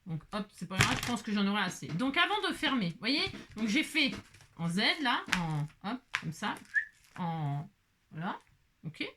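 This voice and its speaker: A woman's voice: medium pitch, very animated, unhurried, noisy background. Chatty woman hosting a craft tutorial. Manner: chatty, many filler tags, talks to herself while working.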